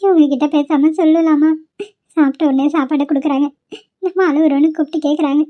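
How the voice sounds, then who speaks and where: A woman's voice: high voice, fairly even intonation, fast, dark tone, close to an everyday voice. A woman voicing a withdrawn, worried young female student in a homemade cartoon, answering curtly.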